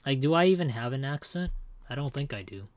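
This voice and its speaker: A young streamer with an American accent, born in Hong Kong and raised in the United States, chats casually while gaming, rambling with lots of fillers and restarts. His voice is medium-pitched with lively intonation, fairly quick, and has no echo.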